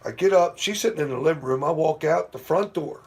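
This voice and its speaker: A man's voice: fairly high pitch, brisk, creaky, breathy edge. A middle-aged man hosting a casual late-night live stream from home, telling rambling, profane stories with lots of "you know.". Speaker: livestream host. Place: at home near porch, at night.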